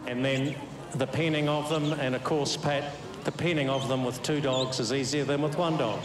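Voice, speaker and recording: A man's voice: mid-range voice, fairly even intonation, moderate pace, crowd noise. A man with a New Zealand accent giving enthusiastic, exclamatory live commentary at an outdoor sports event. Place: outdoor arena in a city square. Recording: echoey outdoor public address, noisy, barking dogs.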